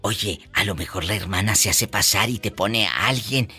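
A woman's voice: normal speed, bright, forceful tone, breathy edge, soft background music. A woman hosting a playful radio call-in show, teasing and motherly with callers. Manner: teasing, motherly, bursts into high laughter.

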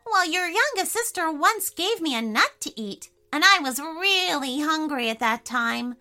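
Storybook: a tiny giggly chipmunk, high and bright, put on by a woman narrator. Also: expressive, a little slow, soft background music, exaggerated voice. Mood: grateful. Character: small, giggly, busy chipmunk.

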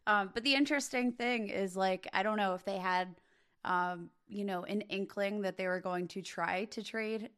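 A slightly hoarse woman co-hosts a podcast in relaxed, casual chat. Her delivery is loose and unpolished. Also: mid-range voice, normal speed. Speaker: podcast co-host.

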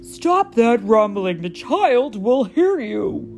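A woman voicing a strict, proper male monster teacher who gives loud, precise commands, with music playing behind. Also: a little high, big pitch swings, takes it slowly, full character voice. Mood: scolding.

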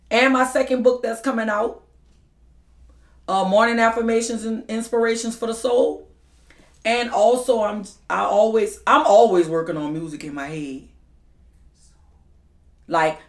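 Lively, blunt middle-aged woman. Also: fairly high pitch, a little slow, pauses often. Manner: blunt, swearing, lively storytelling. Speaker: guest, mother and music artist. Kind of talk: casual interview chat. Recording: echoey room.

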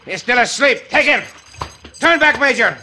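An actor playing a dashing, courteous Mexican cowboy hero with a Mexican accent in an old-time radio western, theatrical and commanding. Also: male voice, very high voice, lively intonation, moderate pace, pushed and bright, heavily acted. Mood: urgent. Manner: theatrical, commanding, formal phrasing. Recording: noisy vintage radio drama recording.

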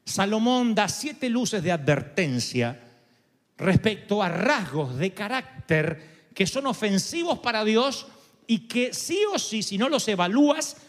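Animated preacher in a reverberant hall. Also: male voice, high-pitched, slow pace. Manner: animated preaching, acts out quoted voices. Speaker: pastor. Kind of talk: sermon.

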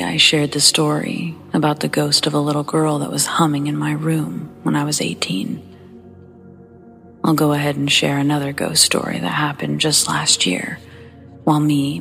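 A woman hosting a show of listener ghost stories, reading them in a hushed, partly whispered storytelling voice with faint music behind her. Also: low-pitched, fairly even intonation, normal speed, creaky. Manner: soft, partly whispered delivery.

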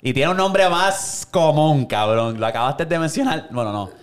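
A man hosting a podcast in profane, excitable banter. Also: on the high side, normal speed, clean tone. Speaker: podcast host. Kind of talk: casual chat.

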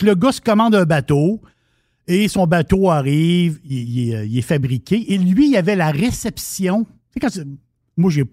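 A man's voice: on the high side, darkish tone, no room sound, clean studio sound. A man with a Québécois French accent, co-hosting a radio show and telling a story in casual banter with many restarts.

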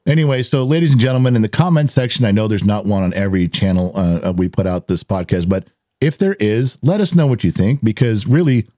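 A man's voice: lowish voice, fast talker, dark tone, no echo, clean studio sound. A middle-aged man hosting a casual podcast in a rambling, self-deprecating way, with audible heavy breathing and huffing between phrases. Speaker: podcast host.

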